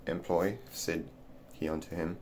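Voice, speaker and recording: A man's voice: low voice, steady tone, a little slow, darkish tone, slight background noise. A man reading an old essay aloud, often stumbling and repeating words as he goes. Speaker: reader of a classic essay.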